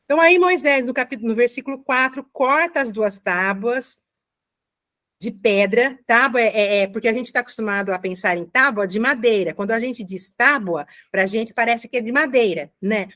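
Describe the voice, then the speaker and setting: A woman giving a commented Bible reading, explaining slowly with frequent checking asides. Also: on the high side, bright, forceful tone. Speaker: Bible teacher.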